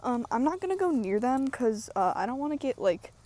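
Young woman, slightly high voice, casual walking vlog, rambling, dry self-mocking humor, a bit breathless, outdoors, earbud mic. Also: a little fast. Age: young adult. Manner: rambling, filler-heavy, self-deprecating, deadpan humor. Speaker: YouTuber. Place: outdoors at the edge of woods. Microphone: wired earbud headset mic, phone held low.

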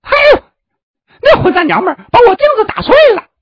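Brief: vain young chatterbox disciple, very high, loud, fast, wildly swinging pitch, lo-fi storybook. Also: male voice, huge pitch swings, dry recording, heavily acted. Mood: wailing. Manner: loud, rapid, boastful chatter. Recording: dull, dry lo-fi audio.

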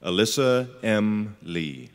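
A man reading graduates' names at a commencement ceremony, slowly and deliberately, one name at a time. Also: lowish voice, very animated. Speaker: name reader. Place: large auditorium. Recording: long hall reverb.

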